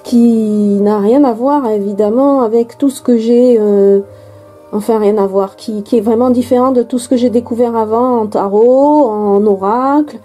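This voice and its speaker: Mellow-voiced French woman vlogging. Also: fairly high pitch, normal speed, faint music behind, poor audio. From France. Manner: hesitant, many fillers and restarts. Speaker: tarot and oracle card vlogger. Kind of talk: casual unboxing chat.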